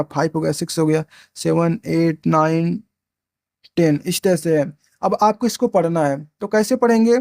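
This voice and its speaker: A man's voice: high voice, darkish tone, no room sound, studio quality. A man teaching a maths lesson step by step, asking and answering his own questions and repeating himself. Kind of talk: explaining at a board, step by step.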